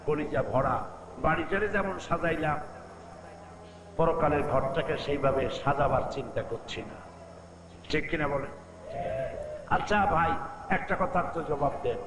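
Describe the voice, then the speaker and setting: A man preaching a waz sermon, putting questions to the crowd and chanting Quranic verses in a drawn-out melody. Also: a little high, roomy sound, background noise. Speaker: Islamic preacher.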